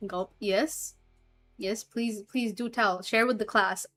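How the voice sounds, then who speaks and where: Steady in tone and a bit bright, this woman's mid-range voice moves slowly over soft background music. As a streamer who also does voice acting for fun, she chats casually with her viewers and reads chat aloud, often giggling and trailing off with fillers.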